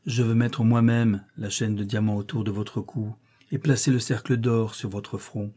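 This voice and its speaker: Guy reading a bossy, lovestruck master in an audiobook, kinda husky. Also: fairly low pitch, steady tone, normal speed, warm tone. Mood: ardent. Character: ardent middle-aged male master, commanding.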